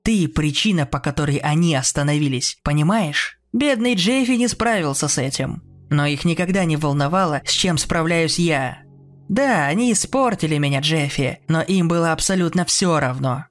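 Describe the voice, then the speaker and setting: A man's voice: fairly high pitch, lively intonation, moderate pace, soft background music, close to an everyday voice. A man voicing a cold, taunting adult brother who mocks his sibling in a horror story reading. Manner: mocking and sneering.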